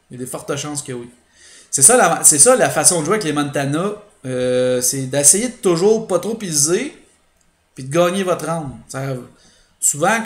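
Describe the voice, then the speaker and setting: A gaming channel host with a Quebec French accent provides let's play commentary in a mid-range, reverberant voice. He thinks aloud with hesitations and explains his strategy to viewers.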